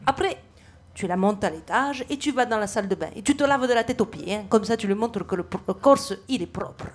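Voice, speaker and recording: Husky woman telling a joke. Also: medium pitch, fairly quick. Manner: lively storyteller, plays both voices of the joke. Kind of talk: telling a joke at a round table.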